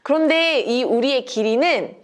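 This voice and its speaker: A woman teacher giving a lecture to other teachers, walking them through a picture book with animated, expressive storytelling. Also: high-pitched, unhurried.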